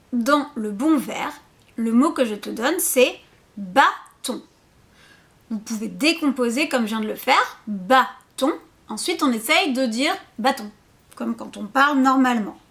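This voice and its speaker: This preschool teacher's voice sits high and a bit bright as she patiently shows parents how the syllable game works. Words get repeated and syllables are sounded out slowly.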